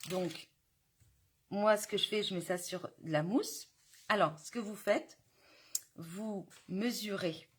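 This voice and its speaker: A woman hosting a live crafting demonstration, chatting to viewers and often dropping to soft murmurs as she works. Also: medium pitch, a little hiss or hum. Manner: chatty, addresses viewers directly.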